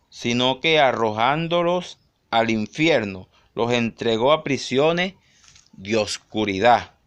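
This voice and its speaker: A middle-aged man preaching in an emphatic, scolding way, dropping to low murmurs and rising to raised cries. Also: fairly bright tone, smooth. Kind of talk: online sermon rebuttal video.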